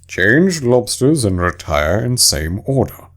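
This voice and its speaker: A man voicing a gruff, blustering male Griffin, a winged beast, in a storybook reading. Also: on the low side, sing-song, slow pace, exaggerated voice. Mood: boisterous.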